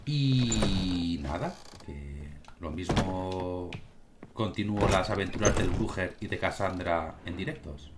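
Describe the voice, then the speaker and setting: Speaking slowly in a low voice, a gaming streamer with a Spain Spanish accent gives casual commentary on his gameplay, swearing freely and addressing viewers directly. He records from a room at home with cats, and steady background noise runs through it.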